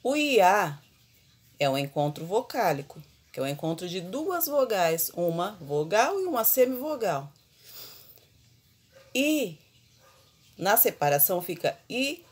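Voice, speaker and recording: Woman teacher, husky voice, slow and explanatory, lowish pitch, asks the class questions. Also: sing-song. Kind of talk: online grammar lesson.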